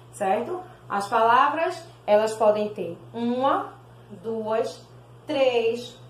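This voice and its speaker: Brazilian lady teacher going slow, sounding out syllables, kinda high voice, echoey room. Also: a little hiss or hum. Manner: slow, sounds out words syllable by syllable, calls pupils "meus amores". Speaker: primary school teacher. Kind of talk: recorded video class.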